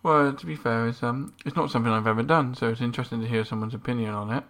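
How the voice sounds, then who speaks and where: Even-toned, creaky-voiced male podcast co-host. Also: medium pitch, rapid-fire. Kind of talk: casual podcast discussion.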